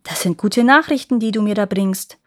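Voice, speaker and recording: A woman's voice: medium pitch, moderate pace, close to an everyday voice. A woman voicing a mistrustful male king who commands his son. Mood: commanding. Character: mistrustful aging male king, scheming father.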